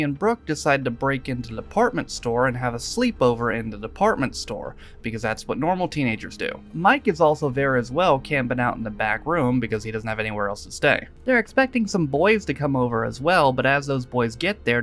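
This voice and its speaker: A man's voice: medium pitch, fairly bright tone. A man reviewing a film in a sarcastic, profane, exasperated rant. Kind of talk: comedic film review narration.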